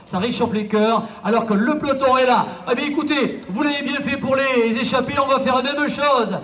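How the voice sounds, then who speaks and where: A man commenting a bike race live over a loudspeaker, repeating lap counts and urging the crowd to applaud. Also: extremely high pitch, a little fast. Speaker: race announcer. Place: outdoors at a roadside bike race. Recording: distant PA voice, outdoor ambience.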